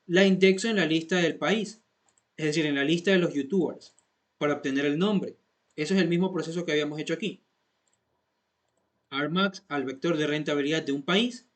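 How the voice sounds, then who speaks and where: A man walks students through code one step at a time. He repeats each point patiently and keeps checking that they follow. The tone is that of a classroom lesson. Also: a little high. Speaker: programming instructor.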